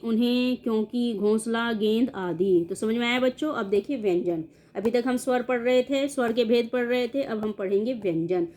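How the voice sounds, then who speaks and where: A woman's voice: on the high side, darkish tone. A young adult woman teaching an online grammar lesson to children, explaining step by step and answering her own questions.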